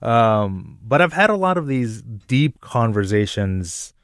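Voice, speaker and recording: A man from Jordan telling personal stories in a relaxed radio conversation, thoughtful and quick to laugh. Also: medium pitch, dry recording, studio quality. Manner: thoughtful, self-reflective, laughs easily.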